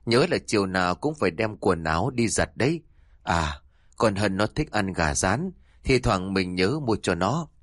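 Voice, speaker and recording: A man's voice: deep voice, expressive, normal speed, dry recording, clean studio sound. A man voicing a faint, dying middle-aged wife who murmurs weakly.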